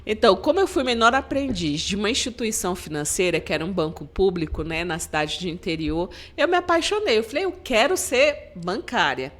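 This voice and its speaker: A woman's voice: medium pitch, lively intonation, a little fast, hardly any pauses, fairly bright tone. Earnest woman from Maranhão, Brazil. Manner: earnest, storytelling, frequent "né?" tags. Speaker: guest, government agency head. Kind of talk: podcast interview.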